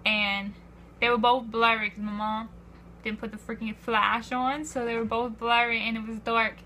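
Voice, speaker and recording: Teenage girl vlogger, bright slightly high voice, eager rambling storyteller. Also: little pitch movement, normal speed, a little hiss or hum. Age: teens. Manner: breathless, repeats "I was like", acts out quotes. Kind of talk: excited storytelling vlog.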